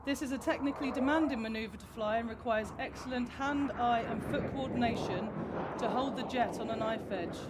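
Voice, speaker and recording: An airshow commentator giving measured, explanatory live display commentary to a crowd. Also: mid-range voice. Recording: loud aircraft and outdoor ambience noise. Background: roaring aircraft, outdoor airshow.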